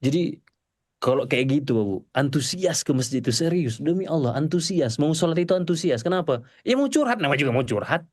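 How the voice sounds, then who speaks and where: A male preacher giving a mosque sermon to a congregation, animated and pleading, swinging between loud exclamations and soft murmurs. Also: a little high, brisk, dry recording, clean studio sound.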